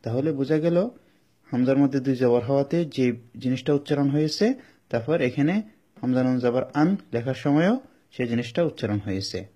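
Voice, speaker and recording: A man with a Bangladeshi Bengali accent leads a Quran reading class at a mid pitch. He explains each rule step by step in a patient tone and repeats it several times so learners can follow. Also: animated, dark tone, lo-fi sound. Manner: drawn-out chanted Arabic examples. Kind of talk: step-by-step recitation lesson.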